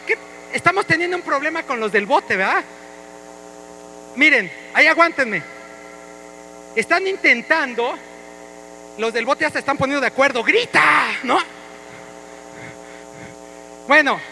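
High-pitched pastor, bright lively voice, joking around with the church, faint hum behind. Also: male voice, low-quality recording. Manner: energetic, playful, coaxing the congregation. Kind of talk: interactive church sermon. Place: church hall.

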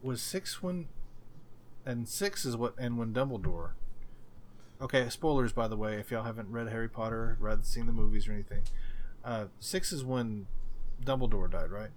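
A man co-hosting a podcast in casual chat, rambling and halting, often restarting his thoughts. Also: mid-range voice, slight background noise. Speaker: podcast co-host.

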